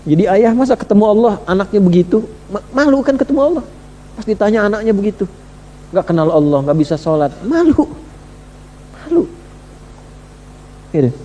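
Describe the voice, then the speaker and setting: A man preaching a sermon to a live audience in a conversational way, asking questions and swinging between emphatic and hushed delivery. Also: high-pitched, lively intonation, fast talker. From Indonesia. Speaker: Islamic preacher. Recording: reverberant hall with faint noise.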